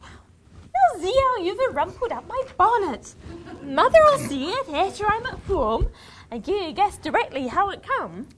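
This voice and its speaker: A woman's voice: very high-pitched, very animated, fairly bright tone, slight background noise, exaggerated voice. A woman playing a teasing young girl, reciting a dialect verse dialogue with a playful, scolding manner. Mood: fending off. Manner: playful, scolding, quick to laugh. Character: young country girl sweetheart, pert and teasing.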